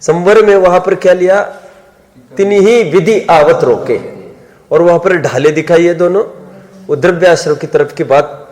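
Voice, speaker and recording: Man, scripture teacher, quizzes the class and chants verses slowly; fairly high voice, echoing hall. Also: fairly even intonation, darkish tone.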